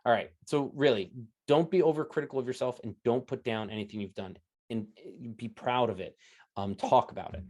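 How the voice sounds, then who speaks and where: A man giving an energetic online coaching talk, standing as he speaks and often checking in with "right?" and "okay?". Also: mid-range voice, fairly quick. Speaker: interview coach presenting a talk. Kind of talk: lively coaching talk to an audience. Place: indoors at home, standing while presenting.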